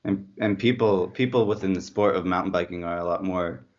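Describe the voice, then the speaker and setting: On dull, lo-fi audio, a man with a low voice speaks fairly quickly. He's Slovak, a native speaker, and once raced road bikes professionally before turning to mountain biking; here he's the interviewee, chatting loosely and hunting for words.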